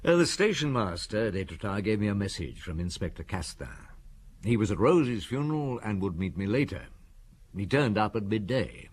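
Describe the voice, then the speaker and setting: An actor playing a seasoned, middle-aged French police inspector in a radio drama, ruminative, probing and understated. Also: male voice, fairly low pitch, very animated, normal speed, slight background noise. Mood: reflective. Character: Maigret, seasoned French police inspector, unhurried and food-loving. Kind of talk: radio drama acting, part narration.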